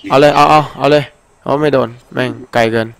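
A man giving excited, casual commentary over his own gameplay, exclaiming often and swearing when the action heats up. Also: medium pitch, quick pace, creaky, a crowd in the background.

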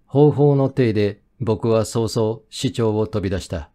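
A man reading a first-person mystery as an audiobook narrator, in steady, measured storytelling. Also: fairly low pitch.

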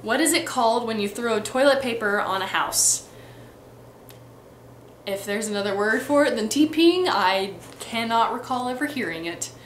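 In an echoey room with slight background noise, a young adult woman speaks at normal speed with a fairly high, expressive voice. Originally from Texas and Missouri, she has a light Midwestern accent and chats casually to a webcam in her bedroom, indoors, for an accent tag vlog full of ums and restarts.

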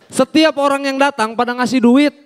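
A young man performing an animated stand-up comedy set on stage, acting out the people in his stories. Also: very high voice, brisk. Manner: animated storytelling, acts out quoted people. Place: on a comedy stage before an audience.

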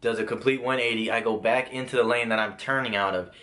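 A man's voice: medium pitch, steady tone, fast talker, pushed and bright. A young man casually telling a personal story, rambling with restarts and lots of filler words. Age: young adult. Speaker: vlogger.

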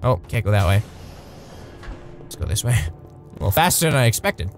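A man streaming a video game live, reacting loudly, laughing at his own mistakes and swearing casually as he goes. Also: normal speed, soft background music. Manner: excitable, jumps to high-pitched yelps when thanking subscribers. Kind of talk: live gameplay commentary.

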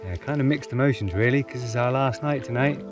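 Recorded on an action camera on his boat, this fast-talking man in his forties has a medium-pitched voice and is heard over music. He's casually vlogging from a canoe on a lake, relaxed and reflective, with frequent chuckles as he narrates.

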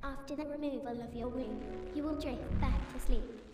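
A woman voicing a gentle female care robot that repeats calm, soothing announcements in a game. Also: high voice, moderate pace, close to an everyday voice. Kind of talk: game voice acting. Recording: echoey distant game audio under loud music. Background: loud game music.

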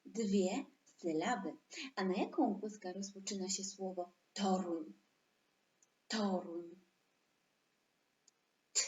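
This preschool teacher's voice is medium in pitch, steady and dark, captured in a muffled recording from an echoey room. She leads an online class for young children, elongating words slowly so they can repeat after her.

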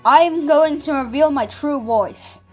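A woman voicing a fed-up male bottle cap contestant in an amateur animated object show. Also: sits high, faint music behind. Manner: fed up, halting.

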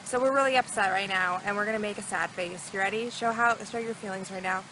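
A woman vlogging outdoors by freshwater, excitable and whooping, swearing casually as she talks about her catches. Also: mid-range voice, fast talker, background noise. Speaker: fishing vlogger. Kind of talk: casual outdoor vlog commentary.

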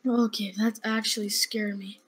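A man's voice: high voice, little pitch movement, moderate pace, a bit bright, slight background noise. A guest gamer casually chatting during a match, often complaining about his aim. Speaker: gaming youtuber, guest. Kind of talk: casual gameplay chat.

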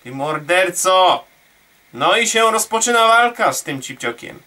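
A man commentates his own gameplay in a bright, tense voice that swoops up and down. He teases and talks to the enemies on screen and swears often. He sits a bit back from the mic, and there is faint hiss underneath. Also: sits high, very animated, normal speed, far from the mic. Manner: playful, jokey, swears, talks to enemies in the game. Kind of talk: let's play commentary.

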